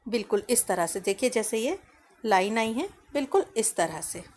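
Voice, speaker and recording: Woman, teacher, fairly high voice, explains maths to children, asks and answers her own questions. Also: expressive, a little mellow. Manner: asks the class questions, then answers them herself; reads English lines from the book slowly. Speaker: primary school teacher.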